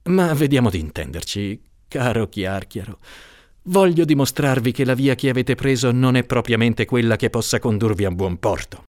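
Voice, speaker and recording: A man's voice: medium pitch, expressive, normal speed, darkish tone, no room sound, clean studio sound, close to an everyday voice. A man reading aloud, voicing an exasperated middle-aged judge who exclaims in a raised, incredulous voice.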